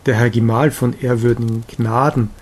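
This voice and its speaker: A man's voice: mid-range voice, level tone, normal speed, a little mellow, close to an everyday voice. Eager carefree young wanderer, read by a man. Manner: eager, exclaiming. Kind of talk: audiobook reading of a romantic novella.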